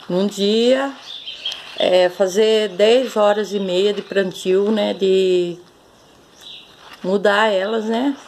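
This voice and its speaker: Gravelly-voiced woman chatting to her viewers, fond and talkative, faint hiss behind. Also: mid-range voice, darkish tone. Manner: chatty, keeps addressing viewers as "gente", fond exclamations. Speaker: orchid-growing vlogger. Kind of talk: casual show-and-tell vlog.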